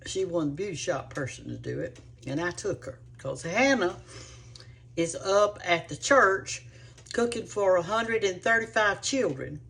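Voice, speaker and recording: A woman's voice: fairly low pitch, expressive, measured pace, vocal fry, fairly bright tone, slightly rough. A woman hosting a cooking show, chatting to viewers in a rambling, homespun way. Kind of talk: casual chat to viewers.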